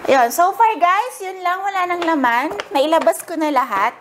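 High-voiced excitable young woman vlogger. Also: moderate pace, a little hiss or hum. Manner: excitable, gushing, squeals and laughs often. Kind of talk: casual unboxing haul chat.

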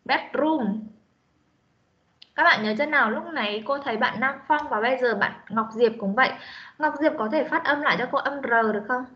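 Woman, English teacher, online class, stern, repeats words slowly, higher voice, muffled call audio. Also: bright, forceful tone. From Vietnam. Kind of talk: online class pronunciation drill. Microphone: video call.

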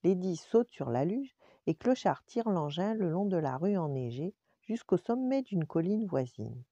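Older grandma reading a bedtime story, lowish mellow voice, very dry dull recording. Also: female voice, unhurried, dry recording. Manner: warm, expressive storytelling.

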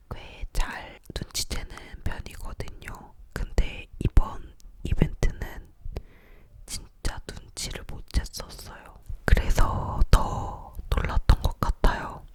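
Slow close-up whispering young woman, leaning in. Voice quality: breathy unvoiced whisper. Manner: slowly repeats words as soft trigger sounds. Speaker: ASMR video creator. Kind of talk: whispered ASMR life-update chat. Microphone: close-up microphone.

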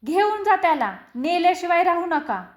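A woman's voice: high-pitched, expressive, unhurried. A woman voicing a stern but loving middle-aged village mother who scolds and pleads. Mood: scolding. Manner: scolding, then tearful and pleading. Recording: roomy echo.

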